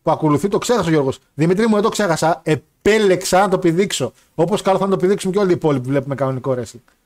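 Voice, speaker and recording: A man banters through a casual wrestling chat show. He reads out viewer messages with quick jokes and bursts of laughter. His talk stays lively and playful. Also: high voice. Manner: animated, laughing, joking banter. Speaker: podcast co-host.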